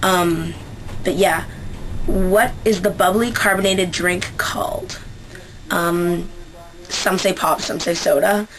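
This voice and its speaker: Slow and steady, a young woman with a Canadian accent from Central Canada talks through a casual dialect-survey vlog in a lowish, fairly bright voice. She hesitates often with fillers and restarts, and the rough recording has a little hiss or hum.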